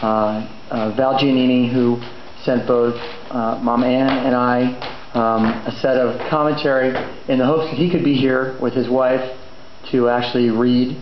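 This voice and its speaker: A man's voice: medium pitch, fairly even intonation, unhurried. Man giving an informal eulogy, echoey room. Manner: conversational, hesitant, rambling with asides. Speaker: son of the deceased giving a eulogy. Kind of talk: informal eulogy at a memorial gathering. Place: large indoor memorial venue. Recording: echoey room, muffled, faint background noise.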